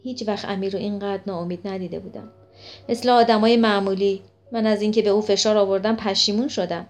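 A woman's voice: medium pitch, fairly even intonation, a little mellow. A woman reading a story aloud as narrator, voicing the characters' lines in close to her own voice. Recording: faint music behind the voice.

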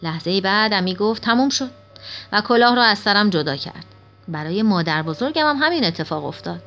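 A woman reading a first-person children's story aloud at a steady pace. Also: mid-range voice, faint music behind. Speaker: audiobook narrator.

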